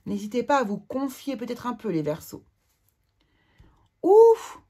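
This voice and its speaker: Brief: female tarot reader, slightly husky tone, calm, measured reading with some hesitation. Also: a little high. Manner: calm reading of card messages with hesitant fillers.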